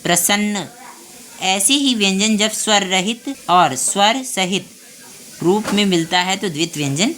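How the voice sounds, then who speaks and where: A woman teaching a grammar class online, explaining step by step and pausing to check the class is following. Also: medium pitch, a bit bright. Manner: spells out sounds slowly, one by one.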